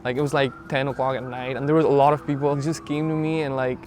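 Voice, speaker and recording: A man's voice: mid-range voice, level tone, fast talker, a little mellow. A man, talking hesitantly in a documentary interview and leaning on "like" as a filler. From Nepal. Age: 20s. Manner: hesitant, rambling, heavy use of "like" as a filler.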